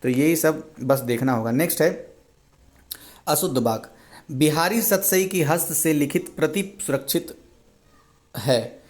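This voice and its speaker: A man's voice: on the high side, a little slow, pauses often. Hindi exam tutor, a man correcting sentences. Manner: explains each correction, repeats and self-corrects. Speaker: exam prep teacher.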